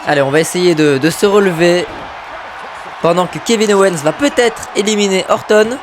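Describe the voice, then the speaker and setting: A man giving excited play-by-play commentary on his own wrestling video game match, bursting into shouts at big moves and muttering asides to himself. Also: high voice, moderate pace, noisy background.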